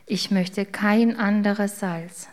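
A woman voicing a kind male master baker who speaks tenderly and slowly in a spoken storybook. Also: mid-range voice, fairly even intonation, lightly acted. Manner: tender, reassuring, slow.

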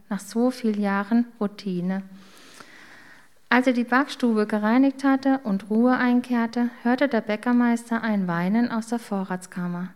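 A woman reading a children's story aloud in a calm, gentle way. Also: fairly high pitch.

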